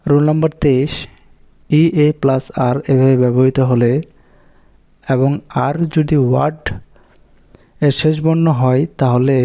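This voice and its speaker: Bengali man with a gravelly, mellow voice. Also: mid-range voice. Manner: steady, methodical, lists examples one by one. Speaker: English teacher. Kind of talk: explaining pronunciation rules.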